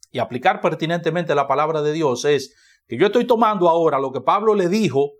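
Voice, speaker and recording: A man with a Dominican Spanish accent, a pastor preaching a sermon in church, who repeats key phrases for emphasis. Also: a little high.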